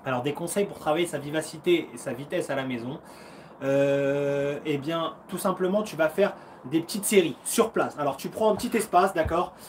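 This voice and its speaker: A man in his thirties runs a relaxed live Q&A from home as a karate coach, talking in a fairly high, bright voice. He keeps things upbeat and encouraging, peppering his talk with slang and acting out strikes and quick footwork with little sounds. A faint hiss sits under the voice. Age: 30s. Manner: slang-laden and chatty. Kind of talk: casual live-stream Q&A.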